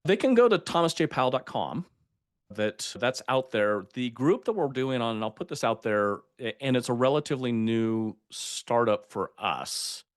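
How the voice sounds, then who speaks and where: A man's voice: mid-range voice, expressive, normal speed, dry recording, clean studio sound. An older man speaking as a podcast guest, telling stories in an emphatic way and laughing at himself. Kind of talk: conversational interview.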